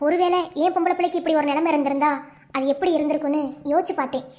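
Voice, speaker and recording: Woman putting on a soft calm mother-in-law, madurai accent, earnest, cartoon. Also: high voice, racing, natural voice. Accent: Madurai Tamil. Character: calm middle-aged mother-in-law, gentle and accepting.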